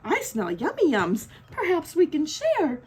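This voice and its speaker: A woman's voice: high-pitched, wildly swooping pitch, unhurried, a little mellow, a little hiss or hum, heavily acted. A woman voicing a friendly, cheerful, folksy badger in a children's storybook. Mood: eager, friendly. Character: friendly grinning badger bringing snacks in a storybook.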